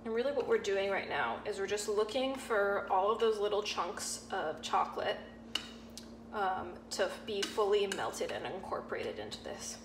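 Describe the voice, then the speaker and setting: A young woman, a sous chef, explaining a cooking demonstration step by step in a relaxed way, with frequent ums. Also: medium pitch, normal speed. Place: home-style kitchen, indoors. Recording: echoey kitchen with audible background noise.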